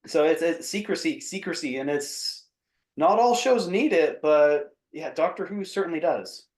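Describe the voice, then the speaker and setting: Laid-back podcast host in an echoey room. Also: male voice, fairly high pitch. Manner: relaxed, quick to laugh and react. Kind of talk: casual chat.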